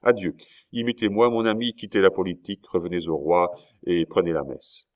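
Deep, low-pitched voice of a young king, guarded and calculating, as a male audiobook reader gives him lines. He speaks smoothly and evasively, quick to reassure and slow to reveal anything. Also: lightly acted. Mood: dismissive. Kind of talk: audiobook character reading.

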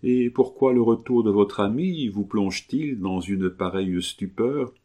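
A man's voice: fairly low pitch, unhurried, mellow. A man reading an audiobook, voicing a passionate, determined young woman who presses her questions ardently. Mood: searching.

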